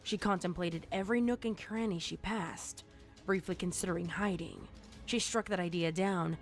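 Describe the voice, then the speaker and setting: A woman reads a scripted horror story as its narrator, speaking at a moderate pace in a voice on the low side. There's music playing under the narration.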